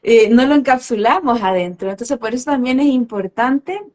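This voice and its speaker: A woman talks in a calm, reflective way, as if explaining something in a conversation. Her voice sits a little high. She pauses often with fillers and checks in with tag questions. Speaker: holistic therapist.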